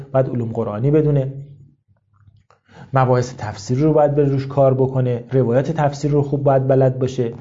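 A man's voice: mid-range voice, mellow, lo-fi sound. A male cleric giving an informal lecture to seminary students, candid and conversational, explaining ideas with rhetorical questions.

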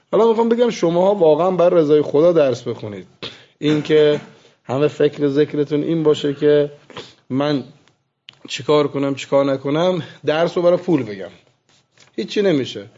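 A man teaching seminary students, lecturing with animated storytelling and soft asides. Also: on the high side. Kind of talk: classroom lecture with anecdotes. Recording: muffled lo-fi recording.

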